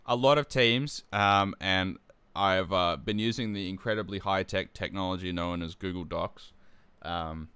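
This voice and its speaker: A young man hosting a live stream as tournament organizer, chatting casually and relaxed, with lots of ums and restarts. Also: sits low, measured pace, smooth, no room sound. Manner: relaxed, with frequent fillers and restarts.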